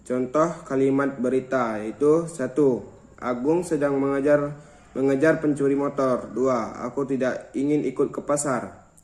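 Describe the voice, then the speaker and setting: A man's voice: mid-range voice, roomy sound, poor audio. A young man reading a grammar lesson aloud from notes, listing points by number and now and then stumbling and restarting a word.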